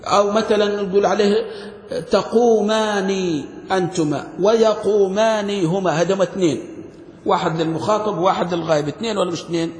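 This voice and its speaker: A man's voice: sits high, racing. A man, teaching a grammar lesson as a sheikh and constantly quizzing his students. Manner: quizzing students with frequent questions. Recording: echoey hall.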